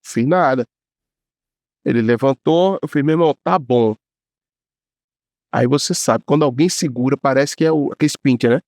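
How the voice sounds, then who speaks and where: A man who works as a police commissioner, telling a story casually on a podcast in an animated, slangy way. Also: mid-range voice, normal speed, no room sound, clean studio sound.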